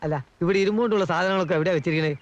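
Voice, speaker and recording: A man's voice: sits high, rapid-fire, no echo, highs cut off, close to an everyday voice. A nervous household helper, fussy and rambling, his voice dry and close in a 1980s film drama, played by a man. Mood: anxious. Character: jittery gossiping household helper.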